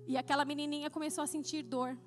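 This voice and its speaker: A woman with a Brazilian Portuguese accent giving a sermon testimony in a church service, telling her story in an animated way and acting out the dialogue. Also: high-pitched, quick pace, music in the background. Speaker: church speaker.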